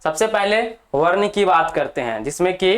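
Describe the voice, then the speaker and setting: In an animated, medium-pitched voice, a teacher dictates a grammar lesson for exam candidates to write down. The delivery is slow and deliberate, with repeated key terms and frequent check-ins with the class.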